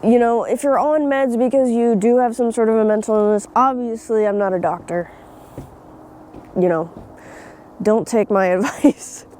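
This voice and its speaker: A young woman speaks straight into her phone while out in nature, her voice a touch high yet mellow and soft-edged. She talks bluntly, swears without a second thought and laughs now and then. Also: moderate pace, a little hiss or hum. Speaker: vlogger. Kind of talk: casual opinion vlog. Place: outdoors in nature.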